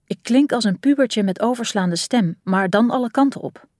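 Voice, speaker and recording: A woman reading a first-person audiobook in an expressive storytelling manner. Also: on the high side, moderate pace, no echo, clean studio sound. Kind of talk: audiobook narration.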